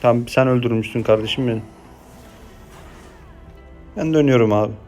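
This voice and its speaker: A young man commentating his own mobile game match, chatty in his asides and excitable in the play-by-play. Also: medium pitch, fairly quick, soft background music. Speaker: gameplay streamer. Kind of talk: live gameplay commentary.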